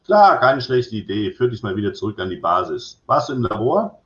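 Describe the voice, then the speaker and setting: A man reading the lines of a cautious male police president, speaking in a measured, wry way. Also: on the low side, very animated. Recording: roomy echo, slightly dull sound.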